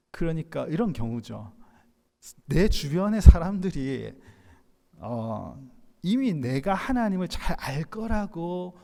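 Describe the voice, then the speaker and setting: A man's voice: on the high side, vocal fry, dark tone. A man, a pastor, preaching a sermon in a conversational way, with fillers and light laughs, in a church sanctuary. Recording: long church hall reverb.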